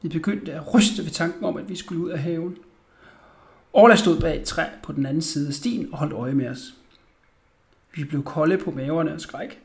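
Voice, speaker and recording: High-voiced guy reading a kids bedtime story, lively and expressive. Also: gravelly. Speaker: narrator. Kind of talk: audiobook storytelling.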